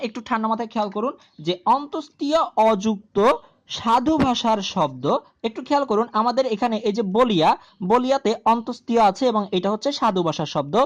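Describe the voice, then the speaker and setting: A woman with a slightly high voice teaches a grammar lesson to video viewers. She explains slowly, repeats the key terms, and often poses a question only to answer it herself.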